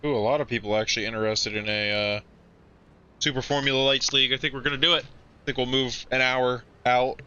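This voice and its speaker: A man's voice: medium pitch, fairly even intonation, brisk, sharp tone, clean tone. A man giving casual, offhand commentary while playing a racing game, thinking aloud. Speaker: gamer playing a racing simulator. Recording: dull, slightly lo-fi sound.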